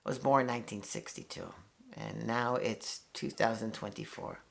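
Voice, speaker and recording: A man in his sixties, a New York guitarist who runs a channel, gives a casual, candid, rambling monologue to camera, often swearing and starting over. The voice is on the low side, creaky and fairly bright, with fairly even intonation at normal speed.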